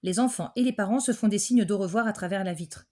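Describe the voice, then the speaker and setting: A woman reading a children's picture book aloud in a clear, gentle storytelling manner. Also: medium pitch, fast talker. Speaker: storybook reader.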